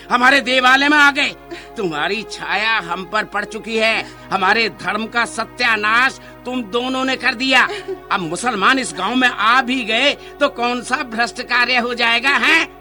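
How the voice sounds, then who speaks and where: A man plays a haughty temple priest with a very high, piercing, bright voice, all contempt and commands. The scene is a staged street play, with faint music behind him. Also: a little slow, full character voice. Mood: scornful. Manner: contemptuous, commanding, tuts in disgust.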